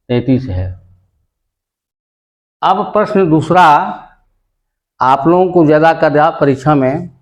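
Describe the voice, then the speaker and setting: A man's voice: on the high side, darkish tone, muffled recording. A man teaching a grammar lesson, repeating each point and quizzing his listeners with questions he answers himself. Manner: slow, deliberate delivery. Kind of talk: classroom-style grammar lesson.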